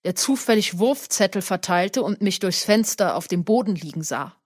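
A woman reading the part of a stiff, weary old man in an audiobook, speaking slowly and solemnly. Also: medium pitch, lively intonation, dry recording, clean studio sound, lightly acted.

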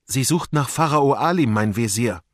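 A man's voice: medium pitch, animated, normal speed, dry recording, clean studio sound, lightly acted. A man voicing a scarred, servile male soldier captain who speaks eagerly and fawningly in a storybook reading.

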